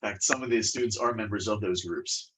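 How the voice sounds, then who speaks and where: A man's voice: lowish voice, a little fast, fairly bright tone, low-quality recording. A congested man giving a webinar presentation over a video call and answering questions, talking with many fillers and restarts.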